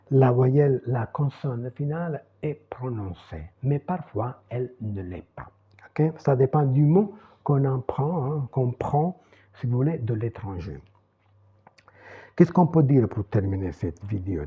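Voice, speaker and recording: A man teaching pronunciation in French with an Italian accent, explaining slowly and checking in often with his listeners. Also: medium pitch, slightly rough. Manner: slow, explanatory, with frequent "hein" and "va bene". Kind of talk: online pronunciation lesson. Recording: tinny phone-like audio.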